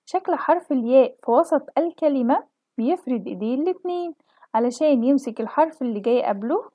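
High-voiced woman teaching children letters. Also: no echo, muffled recording. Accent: Egyptian Arabic. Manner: slow drawn-out model pronunciation for children. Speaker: kindergarten teacher. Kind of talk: children's alphabet lesson.

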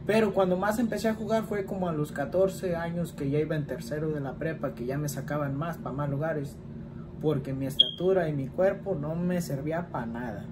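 Talking fairly quickly, a man in his twenties with a voice on the high side chats over background noise. He has a Mexican Spanish accent and rambles through answers to questions in his home vlog, often adding "¿verdad?". He sits in a small indoor room with a plain wall.

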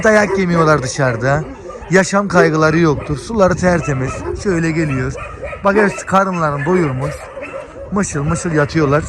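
A man vlogging casually as he walks through an animal shelter, talking straight to his viewers and calming the dogs along the way. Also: sits high. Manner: chatty, addresses viewers directly, talks gently to dogs. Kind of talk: casual walk-and-talk vlog. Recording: noisy outdoor phone video with dogs. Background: dogs barking.

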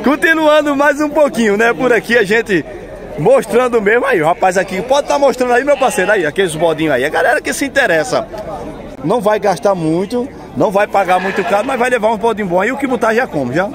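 A man's voice: high voice, expressive, brisk. A man vlogging at an outdoor livestock market, chatty and upbeat, asking sellers their prices and repeating them. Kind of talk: casual walk-around vlog with interviews. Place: crowded outdoor goat market. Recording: loud market crowd behind.

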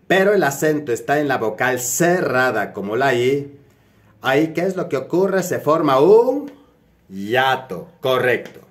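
This Ecuadorian spelling teacher walks through grammar rules step by step in a video tutorial, checking in with the viewer along the way. He has a mid-range, slightly bright male voice.

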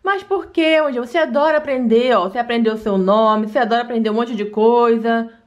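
A woman's voice: a little high, fast, muffled recording, lightly acted. A woman voicing a patient mother in a doll play story, coaxing and soothing, often saying the child's name.

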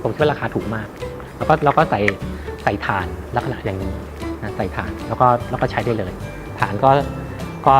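A radio equipment seller gives an informal product demo in a medium-pitched voice. He speaks haltingly, repeating himself and hesitating a lot.

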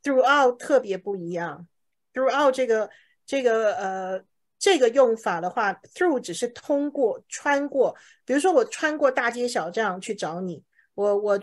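Woman teaching English grammar patiently. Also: on the high side. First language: Chinese. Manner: patient explaining, reads example sentences slowly. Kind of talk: online English class explaining grammar.

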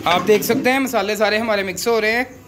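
A man hosting a cooking channel, calmly explaining each step of a big-pot recipe as he works in an outdoor courtyard. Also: high-pitched, quick pace. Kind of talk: cooking demonstration narration. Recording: noisy outdoor recording.

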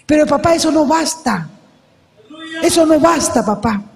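A woman's voice: sits high, lively intonation, measured pace, gravelly, big-room sound. A woman preaching a sermon at a women's service, emphatic and repetitive, often calling out to the brethren.

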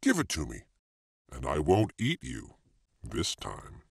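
A man voicing a vain, greedy male tiger in a storybook reading, with a slow, menacing manner. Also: huge pitch swings, vocal fry, slightly rough, no room sound, studio quality, heavily acted. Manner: slow, deep, menacing growl of a voice.

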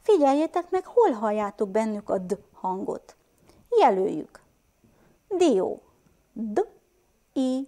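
A woman teacher with a Transylvanian Hungarian accent giving a first-grade reading lesson, sounding out words slowly and asking the children questions. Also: mid-range voice, very animated, mellow.

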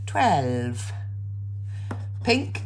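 Slow-paced woman calling numbers like bingo. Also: low-pitched, big pitch swings, faint music behind. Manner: playful calling of numbers with rhyming nicknames. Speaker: host of a scratch card video. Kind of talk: bingo caller number calls.

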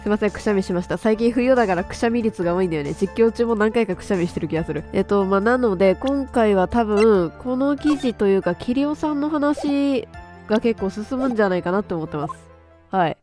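A woman's voice: mid-range voice, expressive, fast, darkish tone, soft background music. A woman giving playful, chatty commentary while playing a game. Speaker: game streamer. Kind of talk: let's-play commentary.

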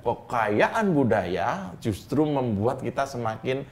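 A man's voice: mid-range voice, animated, slow pace, a little mellow. A man co-hosting a casual political chat show, joking and laughing often and playing with regional dialects. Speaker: talk show co-host.

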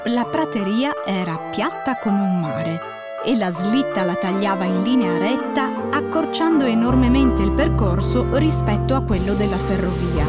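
A woman narrating a musical tale for concert band in a clear, measured storytelling voice. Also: medium pitch. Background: faint concert band music.

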